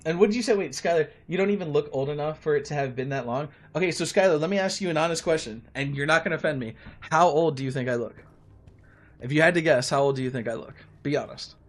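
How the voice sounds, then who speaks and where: Speaking quickly with a voice on the high side, this late-thirties male streamer plays a game live and keeps up a friendly, casual chat with viewers, often voicing his thoughts as he goes.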